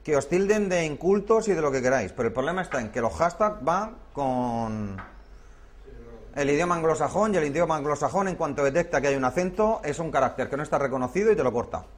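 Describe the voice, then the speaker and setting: Slightly high-voiced instructor. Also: male voice, animated, fast, hardly any pauses. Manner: explanatory, checks in with "¿vale?". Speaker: workshop instructor. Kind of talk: hands-on classroom teaching.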